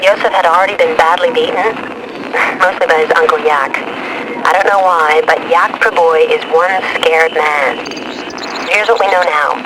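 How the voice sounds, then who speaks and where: A woman with a low-pitched voice and fairly even intonation plays a businesslike, dry-witted mission controller briefing an agent in a video game cutscene. She speaks at normal speed in a natural voice over some background noise, her manner brisk, clipped and wry.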